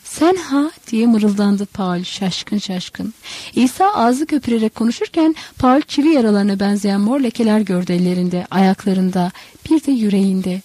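A woman narrating a novel as an audiobook, in measured, expressive storytelling. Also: mid-range voice, no room sound.

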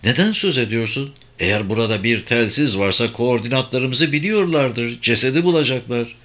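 A man's voice: mid-range voice, normal speed, bright, forceful tone, lightly acted. A man voicing a tough male agent who speaks in a blunt, commanding way in an audiobook. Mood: urgent.

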